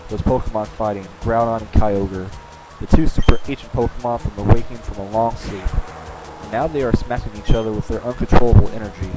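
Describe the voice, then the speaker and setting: A man's voice: lowish voice, over loud music, natural voice, poor audio. A man voicing an earnest male champion from a video game, reading steadily with small stumbles. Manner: steady, slightly halting reading of game text.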